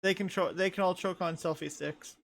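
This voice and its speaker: A woman's voice: fairly low pitch, steady tone, a little fast, gravelly. A woman chatting casually on a livestream, teasing and laughing often.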